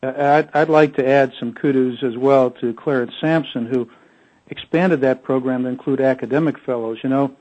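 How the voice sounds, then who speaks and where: A man's voice: mid-range voice, steady tone, moderate pace, a little mellow. A man giving an oral history interview, speaking with many fillers and restarts. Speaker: interview guest. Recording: dull, muffled lo-fi audio.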